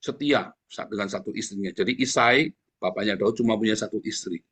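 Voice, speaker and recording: A middle-aged male pastor preaching a sermon in a blunt, combative way, with lively swings in his delivery. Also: fairly low pitch, brisk, breathy edge.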